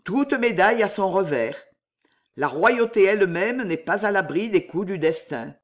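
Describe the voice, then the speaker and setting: A reader voicing a mysterious count in an audiobook, speaking in a measured, ominous way as he foretells grim things. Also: mid-range voice, animated, lightly acted. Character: mysterious count, calm prophet of doom. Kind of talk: audiobook reading.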